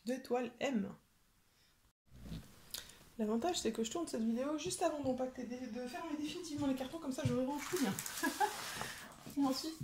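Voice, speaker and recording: A woman's voice: high-pitched, darkish tone. A woman vlogger casually showing her craft kit collection, chatty and peppering her talk with little "hop" and "voilà" interjections. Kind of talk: casual show-and-tell vlog. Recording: echoey room with clear background noise.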